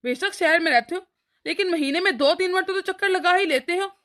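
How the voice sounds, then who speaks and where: A woman's voice: extremely high pitch, fairly quick, fairly bright tone. A woman voicing an irritable elder son in a cartoon story, complaining and arguing. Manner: complaining, argumentative.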